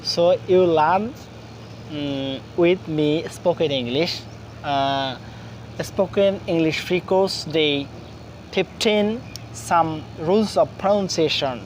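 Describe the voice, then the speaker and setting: A man teaching a spoken English lesson, drilling spellings quickly in Bengali and speaking halting English with many fillers. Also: on the high side, a little hiss or hum.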